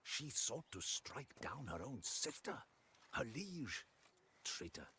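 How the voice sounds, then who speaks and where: An actor playing a dutiful palace guard commander in a video game, with formal, courtly, crisp diction. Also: male voice, medium pitch, sing-song, slow pace, sharp tone, a little hiss or hum, full character voice. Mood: indignant, resolute.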